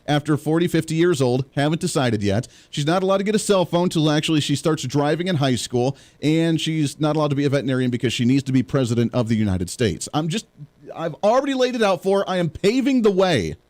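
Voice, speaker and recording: A man's voice: fairly high pitch, animated, quick pace, darkish tone. A man hosting a political talk show, joking and rambling through sarcastic asides as he chats to his audience. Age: young adult or middle-aged parent. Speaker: host.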